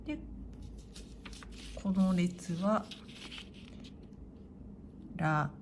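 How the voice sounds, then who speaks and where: A woman teaching hiragana, calmly reading the kana one by one and explaining how to write them. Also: medium pitch, a little slow, slight background noise. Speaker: Japanese teacher.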